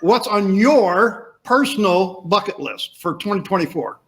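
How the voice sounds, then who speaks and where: In a casual interview chat over a video call, a male podcast host talks with emphasis and poses rhetorical questions. His voice is high-pitched, expressive and unhurried.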